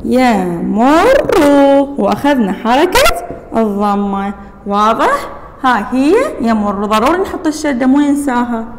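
A woman teacher with an Iraqi Arabic accent, reading a lesson slowly to young pupils and quizzing them on grammar. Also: fairly high pitch, big pitch swings, in a large hall, a little hiss or hum. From Iraq. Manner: slow deliberate reading, stretching words, quizzing pupils. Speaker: primary school teacher.

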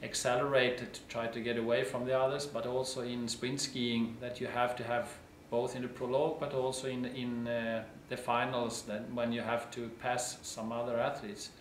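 Flat-voiced coach in an echoey room. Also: male voice, medium pitch, moderate pace, hardly any pauses, a little hiss or hum.

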